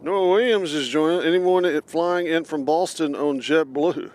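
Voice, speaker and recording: A man's voice: fairly high pitch, normal speed, darkish tone. A man hosting a casual live stream outdoors at an airport, chatting and reading out viewer comments. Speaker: livestream host.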